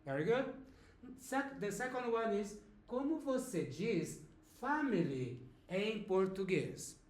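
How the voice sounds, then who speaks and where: Slow, clear-spoken male language teacher. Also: high-pitched, sing-song, roomy sound. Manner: slow, clear teaching with frequent check-ins. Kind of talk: online language lesson.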